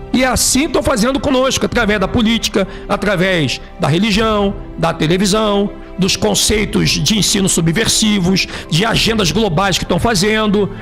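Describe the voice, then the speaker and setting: High, gravelly Brazilian man preaching. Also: a bit bright. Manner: emphatic, with rhetorical questions and slow passages read from a book. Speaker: video host. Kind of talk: preachy religious commentary monologue.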